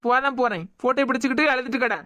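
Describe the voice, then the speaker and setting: A woman with a Kanyakumari Tamil accent voicing a teasing, devoted young male doctor in a cartoon, scolding in quick banter. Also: high-pitched, bright, forceful tone, dry recording. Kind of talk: cartoon voice acting.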